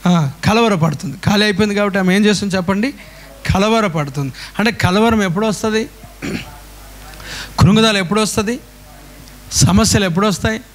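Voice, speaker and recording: High-voiced preaching man. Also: fairly quick, long pauses. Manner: repetitive, rhetorical questions to the congregation. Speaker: pastor. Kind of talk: call-and-response sermon.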